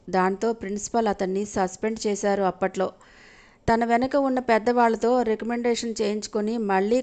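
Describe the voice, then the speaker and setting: A woman plays a heartbroken young wife in a storybook drama. She pleads through tears to prove her innocence. Her voice sits at a middling pitch. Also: darkish tone, close to an everyday voice. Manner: sobbing, pleading.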